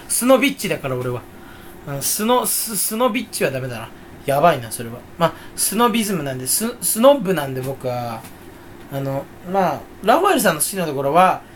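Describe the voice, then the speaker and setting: Self-mocking man rambling with lively pitch. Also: a little hiss or hum. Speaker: channel host. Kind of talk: casual solo rambling monologue.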